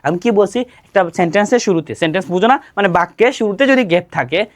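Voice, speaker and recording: A quick-talking teacher, working through exam grammar. The voice rises and falls a lot, firing off a question and then answering it at once. It sounds like a close, dry recording. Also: medium pitch, expressive. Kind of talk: exam-prep lesson explaining grammar rules.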